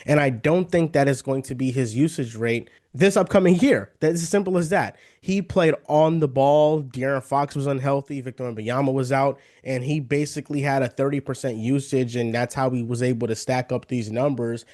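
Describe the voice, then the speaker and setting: A young man co-hosting a casual sports podcast, laying out his picks in a measured, hedging way. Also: mid-range voice, darkish tone. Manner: measured, hedging takes with fillers. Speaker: podcast co-host.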